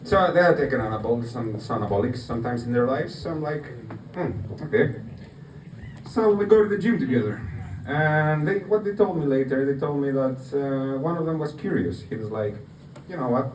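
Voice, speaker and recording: An amateur stand-up comedian from Greece, with a Greek accent and animated pitch, tells stories to an audience in a halting, casual way at a live open mic night in a bar. A distant mic picks him up in an echoey, roomy space. Room noise and audience laughter fill the noisy background.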